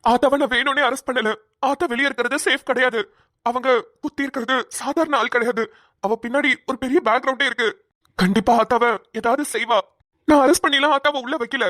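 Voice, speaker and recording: A woman's voice: sits high, a bit bright, dry recording, studio quality. A woman voicing an earnest, protective young male police officer in a cartoon, talking urgently and stammering at times. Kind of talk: cartoon voice acting.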